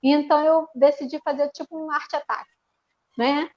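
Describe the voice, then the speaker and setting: High-voiced woman teacher on a video call. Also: steady tone, normal speed, darkish tone, highs cut off. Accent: Brazilian Portuguese. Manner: explanatory, with many restarts and fillers. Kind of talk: online panel presentation. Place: home.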